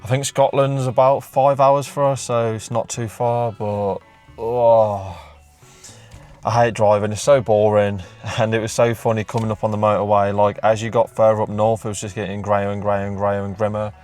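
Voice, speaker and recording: A man's voice: fairly low pitch, little pitch movement, normal speed, darkish tone, faint music behind. Worn-out male game collector vlogging. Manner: chatty, tired, self-deprecating. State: worn out from driving. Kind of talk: casual travel vlog.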